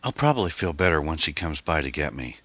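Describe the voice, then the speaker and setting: A man's voice: a bass voice, big pitch swings, fast, pushed and bright, no room sound, heavily acted. A man playing an anxious, guilt-ridden single mother. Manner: hesitant, worried.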